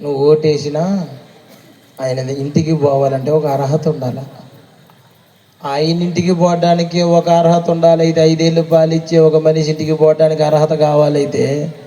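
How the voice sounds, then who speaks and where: A male preacher, delivering a revival sermon that mocks and scolds his congregation and rises to shouts. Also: fairly high pitch. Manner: teasing, mocking the congregation, rising to shouts. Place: outdoor revival meeting.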